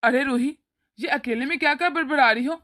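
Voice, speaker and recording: Woman doing a calm cartoon guy, kinda high voice, trying to keep the peace. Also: fairly quick, no room sound. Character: mild, reasonable adult man of the family.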